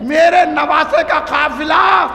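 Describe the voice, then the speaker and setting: A man preaching an impassioned sermon to a large gathering, shouting out repeated refrains. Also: very high-pitched, vocal fry, some chatter behind. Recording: echoey hall with long reverb.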